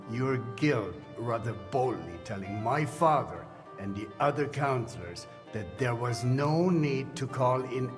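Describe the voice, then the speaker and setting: A man's voice: medium pitch, close to an everyday voice. Male actor as a chatty, sardonic town elder type; echoing room, music bed. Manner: wry storytelling. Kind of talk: video game dialogue. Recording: reverberant room with music behind.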